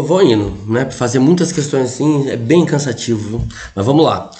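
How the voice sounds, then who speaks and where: A Brazilian man, a teacher, working through exam questions in a chatty lesson, thinking aloud with many quick asides. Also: mid-range voice, darkish tone. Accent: Brazilian Portuguese. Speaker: Portuguese teacher for civil service exams. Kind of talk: casual exam-prep lesson.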